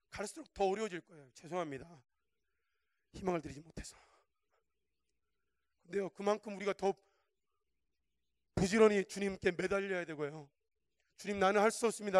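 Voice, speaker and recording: High-voiced fervent Korean preacher. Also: male voice, clean tone, no echo, studio quality. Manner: swings from hushed asides to fervent shouting; colloquial, chatty preaching with rhetorical questions. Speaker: guest preacher. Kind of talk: sermon.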